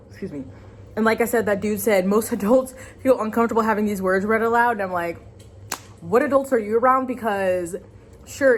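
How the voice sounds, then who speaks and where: A woman's voice: mid-range voice, slight background noise. A woman hosting a casual video commentary, talking conversationally with exasperated emphasis. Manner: conversational, exasperated, emphatic, voices imagined quotes. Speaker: video host. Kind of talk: casual opinion commentary to camera.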